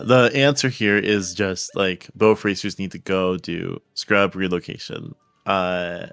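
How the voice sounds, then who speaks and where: A man with a fairly low voice co-commentates a game race. He talks in a casual, chatty style, with music in the background. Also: vocal fry, a bit bright, clean tone, no room sound.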